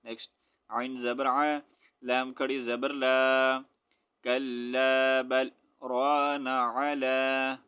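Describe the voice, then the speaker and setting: Slow, flat-voiced male Quran teacher. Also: medium pitch, clear, resonant tone, highs cut off. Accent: Pakistani Urdu. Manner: slow syllable-by-syllable spelling, then drawn-out recitation. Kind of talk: spelling out Quran recitation lesson.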